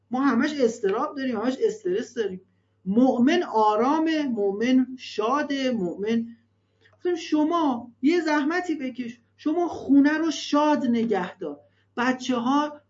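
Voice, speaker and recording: A man's voice: very high-pitched, darkish tone. A man giving religious advice to parents in an earnest, emphatic way, with many rhetorical questions. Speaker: religious family counselor. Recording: dull lo-fi recording.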